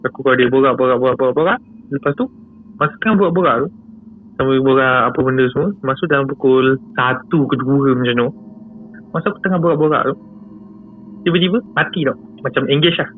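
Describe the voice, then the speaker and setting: This guest, a man with a Malaysian accent, speaks at medium pitch and a little fast while chatting about a scary experience. He laughs softly often and tends to repeat himself. Over the tinny, phone-like audio there is a slight hiss or hum.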